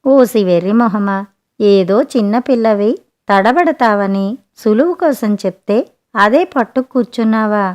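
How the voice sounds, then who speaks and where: A woman's voice: medium pitch, measured pace, a little mellow, lightly acted. A woman reading a story voicing a middle-aged mother who scolds fondly. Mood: fond scolding.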